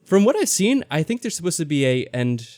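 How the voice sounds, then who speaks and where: Over game music, a let's play host chats and reads in-game text, casual yet slightly tentative. His fairly high voice is very animated, fairly quick, and darkish, recorded at studio quality without echo.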